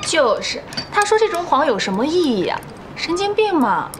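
A woman's voice: high voice, very animated, normal speed, background noise. An actress in her twenties playing a pushy, gossipy young woman in a TV drama, brash and nosy. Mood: scornful. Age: 20s. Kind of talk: TV drama acting. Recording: background music.

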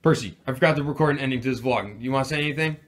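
A young man filming a casual vlog on a phone at arm's length as he walks through a mall and cinema, excitable and saying "dude" and "bro" constantly. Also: mid-range voice, very fast. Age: young adult. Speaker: vlogger. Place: shopping mall and cinema, indoors. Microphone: handheld phone at arm's length.

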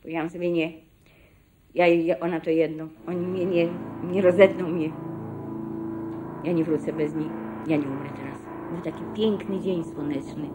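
An older woman recounting her own experiences as a witness, in a measured, reflective way that sometimes drops to a hush. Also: sits low, fairly even intonation, music in the background. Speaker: survivor giving testimony. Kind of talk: spoken personal testimony.

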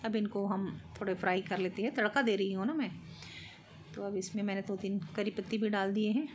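A woman's voice: medium pitch, steady tone, a little fast. Middle-aged woman chatting through her cooking at home, easy voice, bit of faint room hiss. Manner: chatty, explains step by step, light laughs. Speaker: cooking vlogger. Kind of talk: casual cooking narration. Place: home kitchen.

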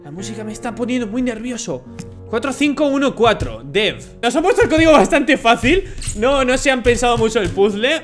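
A young man from Spain with a Spanish accent, commentating a horror game, jumpy, swearing and shouting when startled. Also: very high voice, animated, brisk. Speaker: gaming YouTuber. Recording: game music behind voice.

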